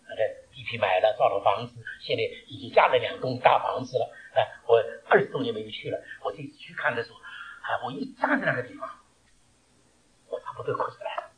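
A man preaching a sermon, telling stories and asking rhetorical questions, swinging between loud and hushed delivery. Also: medium pitch, low-quality recording.

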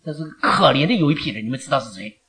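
An older woman speaking to her church congregation, animated and rambling, laughing often and slipping in English phrases. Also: sits low, racing. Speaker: elderly church member giving thanks. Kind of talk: emotional speech to a congregation. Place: church gathering.

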